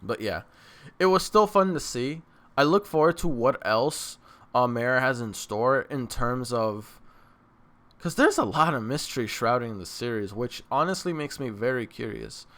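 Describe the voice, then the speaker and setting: Speaking at medium pitch with lively intonation and a moderate pace, an anime reaction channel host chats casually to viewers. His tone is fairly bright, and he uses informal slang and repeats himself for emphasis.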